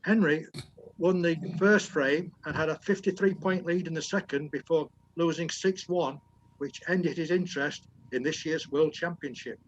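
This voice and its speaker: A man's voice: fairly high pitch, moderate pace, muffled recording. A man reading out the week's sports news to a group on a video call, stopping now and then to correct himself. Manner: reads steadily, corrects his own slips.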